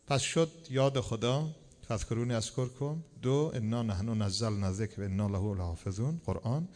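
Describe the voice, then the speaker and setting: A man's voice: fairly low pitch, a little mellow. A man preaching a religious sermon with rhythmic repetition that climbs to emphatic peaks. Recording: long hall reverb.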